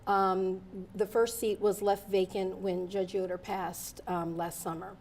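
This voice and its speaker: Answering earnestly but with frequent ums and uhs, a woman in her forties who grew up in Delaware, USA, is interviewed as an attorney and judicial candidate. She speaks unhurriedly in a medium, slightly mellow voice with flat delivery, and there's slight background noise.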